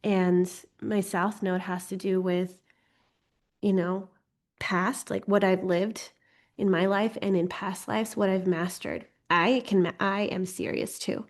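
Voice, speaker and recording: Speaking slowly in a level, mid-range voice, a woman leads a casual online astrology class. She's slightly congested after a cold, yet stays playful and chatty, giggling through lighthearted, self-deprecating asides.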